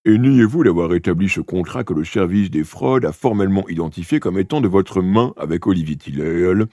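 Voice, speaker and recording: A man's voice: lively intonation, warm tone, no echo, studio quality. A man doing a weary, stern old king. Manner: slow, low and deliberate, dropping to confiding. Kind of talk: audiobook character voice.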